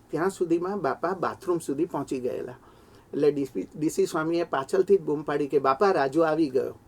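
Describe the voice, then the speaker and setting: A man's voice: a little high, darkish tone. A middle-aged man earnestly recounting a personal memory, his voice rising when he is moved. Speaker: devotee sharing memories. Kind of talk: heartfelt personal storytelling.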